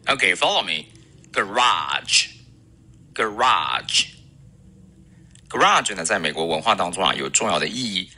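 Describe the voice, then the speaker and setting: A man teaching English pronunciation in a recorded lesson, a native Chinese speaker who models words slowly and repeats them. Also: low voice, lively intonation, bright, forceful tone, breathy edge.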